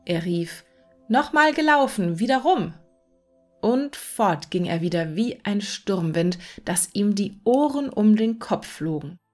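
Slow fairy-tale reading woman. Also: mid-range voice, a little mellow. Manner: slow, at times half whispered. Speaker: narrator.

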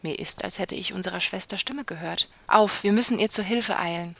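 A woman's voice: medium pitch, a little fast, creaky, fairly bright tone, no room sound. A young man from a fairy tale calls out urgently to reassure his sister, as a woman reader voices him. His voice is raised and firm. The sound is dry and close. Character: brave youngest brother, a young man riding to the rescue. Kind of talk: storybook reading.

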